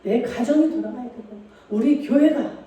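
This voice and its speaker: A woman's voice: high voice, normal speed, warm tone, muffled recording. A woman preaching a sermon in a church, speaking emphatically and putting rhetorical questions to the congregation. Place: church sanctuary. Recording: echoey church hall, mic far off.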